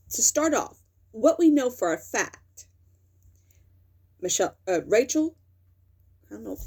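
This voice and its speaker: A woman's voice: mid-range voice, mellow. A young woman hosting a casual commentary video, rambling and correcting herself with lots of fillers as she talks. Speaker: video host. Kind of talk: casual talking-head commentary.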